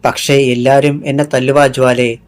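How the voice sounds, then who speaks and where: A man's voice: mid-range voice, little pitch movement, normal speed, lightly acted. Childlike strong young man voiced by a narrator. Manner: simple, childlike questions.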